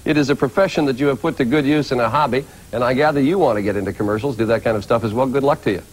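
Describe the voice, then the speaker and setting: A man's voice: mid-range voice, very fast, a little hiss or hum, poor audio. A man with an American accent presenting and interviewing as a morning news show host.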